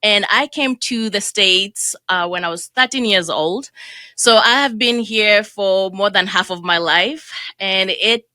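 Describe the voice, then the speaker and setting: A woman's voice: medium pitch, unhurried, pushed and bright, no echo. A woman in her thirties, from Burundi and raised in Kenya, telling her story as a podcast guest in a chatty way, laughing easily. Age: 30s. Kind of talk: casual interview.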